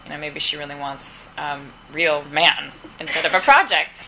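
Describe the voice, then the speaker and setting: Actress, female, low register with a bright, forceful edge; chatty interviewee who acts out quoted lines. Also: normal speed, slight background noise, rough recording. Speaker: actress interviewed at a press round table. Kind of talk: casual interview answers. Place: press round table.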